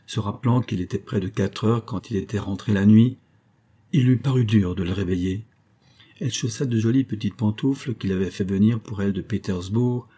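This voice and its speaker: A man reading a classic story aloud as a narrator, in measured, even storytelling. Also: on the low side, slightly rough. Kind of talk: scripted audiobook narration.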